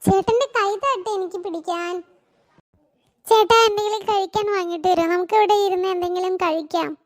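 A woman's voice: very high voice, fairly quick. A woman voicing a sweet, affectionate young wife in a cartoon who coaxes her husband. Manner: sweet, coaxing. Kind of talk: cartoon voice acting.

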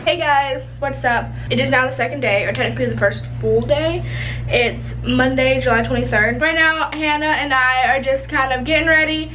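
A woman's voice: high voice, fairly even intonation, moderate pace, sharp tone. A young woman vlogging casually from a vacation condo, chatting with lots of "like" fillers into a handheld camera. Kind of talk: casual vlog chat. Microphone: handheld camera held close. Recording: noisy handheld camera audio.

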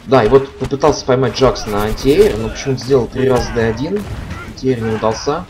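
A man's voice: medium pitch, a little fast, noisy background. A man giving live commentary on a fighting game stream, as a stream commentator. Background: game music and sound.

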